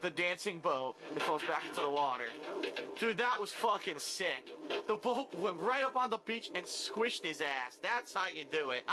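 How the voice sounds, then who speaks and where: A man giving excitable, profane commentary as he plays a video game, breaking into loud outbursts and laughter. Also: high-pitched, a little slow. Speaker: gameplay streamer. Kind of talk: swearing let's-play commentary.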